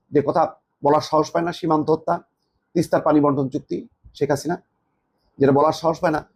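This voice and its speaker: A man with a husky, slightly high voice, talking through politics. He fires off mocking rhetorical questions in a steady stream of commentary.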